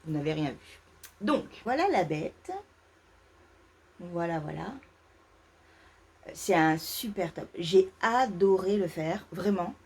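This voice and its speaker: Une femme qui anime un vlog de tricot sur un ton décontracté, en hésitant beaucoup, avec de nombreux « euh ». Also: female voice, on the low side, animated, slow, long pauses, a little mellow, husky. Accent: French. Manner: hesitant, many fillers and restarts. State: feeling too warm. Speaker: knitting podcast host. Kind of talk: casual knitting vlog chat. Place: parents' home, indoors.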